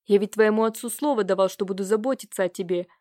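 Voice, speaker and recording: A woman reading an audiobook, voicing an agitated older nobleman who scolds and nags his nephew with a hoarse, rising voice. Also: a little high, expressive, fairly quick, lightly acted. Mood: scolding. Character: agitated older nobleman uncle, jealous and nagging.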